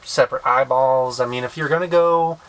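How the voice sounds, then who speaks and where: A man casually reviewing a toy, thinking aloud with halting restarts. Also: mid-range voice, poor audio. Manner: hesitant, many fillers and restarts, thinking aloud.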